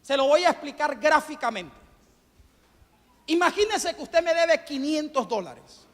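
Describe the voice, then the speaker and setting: Male pastor, sermon, high voice, fervent and questioning, hall reverb. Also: animated, a little slow. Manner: fervent, questions the congregation and calls for amens. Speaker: pastor preaching to a congregation. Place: church hall at a Sunday service. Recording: long church-hall reverb.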